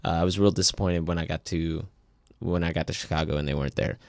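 A man in his twenties chatting casually as a podcast co-host, telling rambling stories that grow animated when he gets excited. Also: low-pitched, fast talker, dry recording. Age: 20s. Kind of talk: casual chat.

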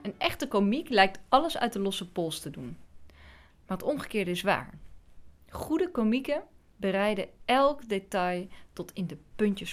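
A woman gives spoken music commentary, telling it in an expressive, illustrative storytelling way. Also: medium pitch. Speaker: string quartet musician presenting a music podcast.

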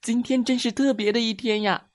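A man's voice: very high-pitched, steady tone, brisk, voice pushed up. Man doing an eager little rabbit. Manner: eager, exclaiming.

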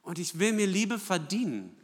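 A preacher delivers his sermon in a fairly high, animated voice that rises and falls constantly. He drives his points with rhetorical questions and frequent tag checks to the congregation. His voice carries through a hall with a long, lingering reverb. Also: moderate pace. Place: church hall.

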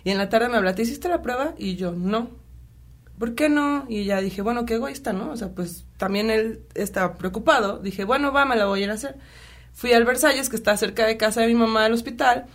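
A woman with a Mexican accent tells a personal story in relaxed conversation. Her voice sits a little high, and she acts out the lines of the people in it with lively energy. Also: a little fast. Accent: Mexican Spanish. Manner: animated retelling, acting out quotes, many fillers.

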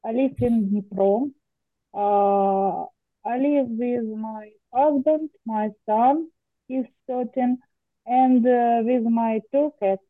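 A woman's voice: a little high, steady tone, slow, no room sound. Ukrainian woman over a tinny line. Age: 40s. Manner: careful, simple sentences. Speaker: student. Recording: tinny phone-like call audio.

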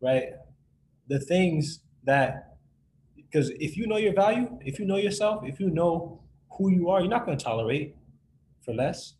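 A man's voice: sits high, lively intonation, unhurried, darkish tone, a little hiss or hum, poor audio. A man teaching a Bible lesson to a group in a casual way, often checking in with his listeners. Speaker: youth Bible study leader.

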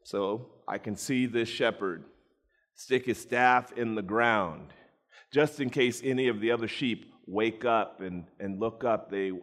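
A man preaching a storytelling sermon, animated, acting out voices and addressing listeners by name. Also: lowish voice. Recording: long reverb in a large hall.

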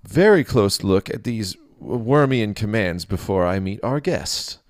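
A frazzled young priest bursts out in sharp, high yelps and stammers his way through excuses, as a man puts him on. The voice jumps well above the reader's own deep tone. It is close and dry, with no room around it. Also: animated, measured pace, dry recording. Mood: flustered. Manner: jittery, stammering, yelping high outbursts. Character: nervous young male priest acolyte, flustered and stammering.

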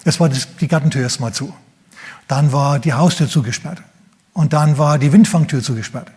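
A man's voice: a little high, darkish tone, breathy edge. A man with a German accent preaching a sermon, telling the story vividly and addressing the congregation directly.

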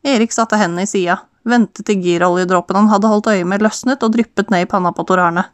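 Female audiobook narrator, steady and even, mid pitch, dry close recording. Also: no echo. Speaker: audiobook reader. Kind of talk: storybook narration.

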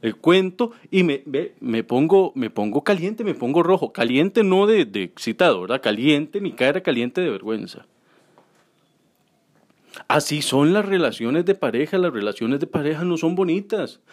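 Crude self-mocking comedian. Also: male voice, on the high side, sing-song, normal speed. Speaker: stand-up comedian. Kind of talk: stand-up comedy monologue.

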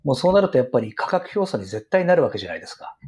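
A middle-aged man with a husky, rough voice explains business strategy in an interview in an earnest, emphatic way. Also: mid-range voice, very animated, rapid-fire, darkish tone. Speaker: retail business guest expert.

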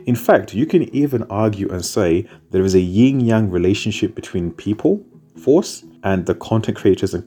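With a lowish, mellow voice, this man explains content strategy while speaking to an audience. He was born in Zimbabwe and grew up in the United Kingdom, works as a content marketing speaker, and builds emphasis by piling up repeated phrases in list form.

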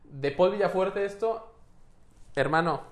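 A man's voice: high-pitched, slow. A man with a central Mexican accent, hosting a casual chat, joking and full of slang. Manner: joking, animated, peppered with slang. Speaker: podcast host. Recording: roomy echo.

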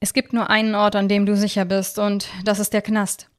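A woman voicing a calm, unemotional man who speaks firmly and with emphasis. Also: mid-range voice, a little fast, natural voice. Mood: urgent. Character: calm, cold man warning a criminal.

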